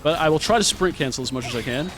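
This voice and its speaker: A man streaming live gameplay, talking to himself and breaking into frustrated shouts. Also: on the high side, very fast, over music. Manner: mutters to himself, bursts into shouts when frustrated.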